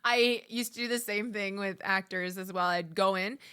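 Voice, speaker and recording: Bright, agreeable woman chatting. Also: medium pitch, steady tone, clean tone. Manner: agreeable, chatty, quick to chime in. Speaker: podcast co-host, haunted attraction manager. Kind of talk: casual podcast chat.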